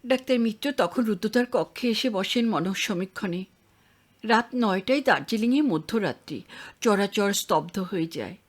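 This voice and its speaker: A woman narrating a literary audio story in a measured reading voice. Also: mid-range voice, animated.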